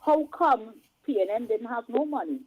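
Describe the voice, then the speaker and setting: A Trinidadian woman from Trinidad and Tobago calls in to a radio show for a casual chat, heard over a tinny phone line with no room sound. Her fairly high, slightly rough voice has lively intonation at a moderate pace, and she talks emphatically and chattily with rhetorical asides.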